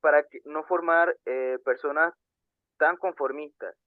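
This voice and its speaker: A man's voice: fairly high pitch, fairly even intonation, no room sound. Young man, thin tinny sound. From Panama. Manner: earnest, halting with frequent fillers and restarts. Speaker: podcast co-host. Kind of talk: casual discussion podcast.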